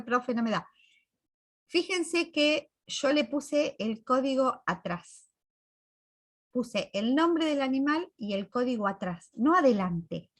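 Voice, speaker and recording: A woman's voice: fairly high pitch, a bit bright. A woman computing teacher, walking students through a class step by step and checking they follow. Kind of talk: recorded class walkthrough.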